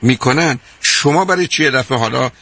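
A man's voice: mid-range voice, sharp tone. An older man hosting a radio call-in advice show, talking emphatically and repeating his points, calling the caller dear.

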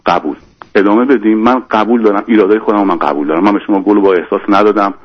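A man calling in to a radio show, telling a long personal story and acting out the quoted lines in a raised voice. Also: steady tone. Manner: rambling, acts out quoted lines in a higher voice. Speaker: caller. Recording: dull lo-fi radio sound.

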